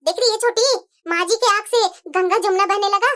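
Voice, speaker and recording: Brief: a woman playing a soft-spoken young daughter-in-law, very high and bright. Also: brisk. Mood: confiding. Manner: meek, polite, soft-spoken. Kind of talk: cartoon voice acting.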